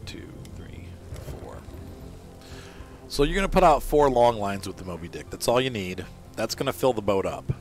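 A man's voice: lowish voice, very animated, moderate pace, over music. Rambling, self-correcting male game reviewer. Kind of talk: casual gameplay commentary.

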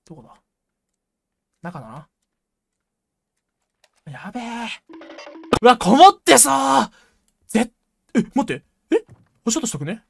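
Jumpy, high-voiced woman streaming a game. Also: slow pace, pauses often. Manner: jumpy, excitable self-talk, rough slangy speech, frequent laughs. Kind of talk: live gameplay commentary.

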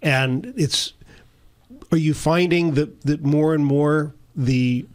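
A man's voice: fairly high pitch, slow. A man in his sixties co-hosting a local radio talk show, asking long, rambling conversational questions. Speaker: radio co-host. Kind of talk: casual radio talk interview. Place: radio studio, indoors. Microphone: studio boom mic.

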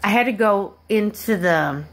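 Speaking at a medium pitch, this woman vlogger recounts a personal story to her audience in a rambling, stop-start way full of asides and fresh starts. Her delivery livens up when she imitates the people in the story.

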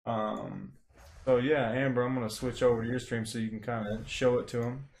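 A man's voice: medium pitch, normal speed, gravelly. Laid-back man giving a game guide. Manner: relaxed, rambling, many fillers. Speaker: streamer explaining a gold farm. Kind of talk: casual game guide commentary. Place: home room, indoors. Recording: echoey room.

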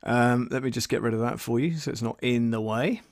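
Here the voice is mid-range, creaky, and fairly quick, with a dry recording. The speaker, a man in his fifties who produces audio and hosts live streams, chats informally through a viewer tutorial, sitting close to a desk condenser microphone in his soundproofed converted-shed studio.

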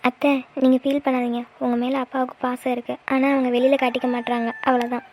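A gentle young college girl in a cartoon who comforts others in a soothing, reassuring voice, as a woman plays her. Her voice sits high and her words move quickly. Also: little pitch movement, a little hiss or hum, close to an everyday voice. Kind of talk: cartoon voice acting.

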